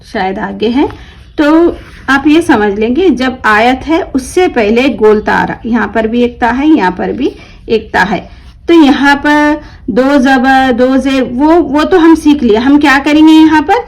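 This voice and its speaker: A woman's voice: high voice, animated, measured pace, gravelly, low-quality recording. Woman teacher quizzing her class. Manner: asks the class questions and answers them herself; drawls and stretches the words she reads out as examples. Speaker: Quran reading teacher. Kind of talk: explaining a lesson to learners.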